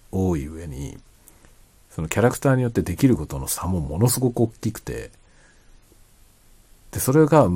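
A man chatting casually and quietly late at night, rambling as he explains, often trailing into soft asides. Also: husky. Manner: quiet, low-voiced late-night talk. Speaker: streamer chatting to listeners.

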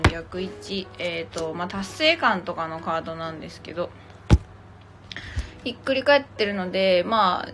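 Woman, livestream host, casual chat, playful mix of polite and teasing, medium pitch, music behind. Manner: chatty, playful, switching between polite and teasing casual speech. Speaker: livestream host and tarot reader.

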